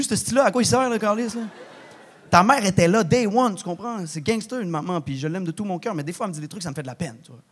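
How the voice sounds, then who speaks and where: A young man with a Québécois French accent performing a stand-up comedy set, talking in a slangy, animated way peppered with swears. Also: sits high, husky. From Quebec. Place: large theatre stage with live audience.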